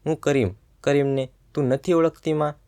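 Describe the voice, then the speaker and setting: A man telling a story, voicing a young fugitive son who talks low and choked. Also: fairly even intonation, normal speed, dark tone, natural voice. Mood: desperate. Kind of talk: storytelling narration.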